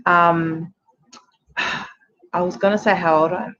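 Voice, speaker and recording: A woman's voice: fairly low pitch, fairly even intonation, slow, a bit bright. A woman in her forties giving frank, chatty relationship advice to camera, with many fillers. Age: 40s. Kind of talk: casual direct-to-camera advice. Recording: dull lo-fi sound with faint noise.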